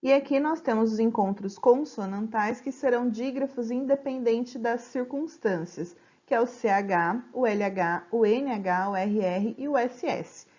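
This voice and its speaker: Professora explicando devagar, som abafado. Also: female voice, on the high side, darkish tone, muffled recording. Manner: explains patiently, stretches example words slowly. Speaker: teacher. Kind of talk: slide-based grammar lesson. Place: home.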